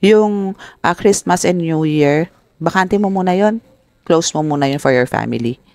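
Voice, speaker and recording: Man, tarot reader talking to viewers; gravelly, dry close sound, expressive and polite. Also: a little high, measured pace, dry recording. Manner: polite, addresses viewers with respectful terms; mixes English phrases into speech. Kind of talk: tarot reading talk to viewers.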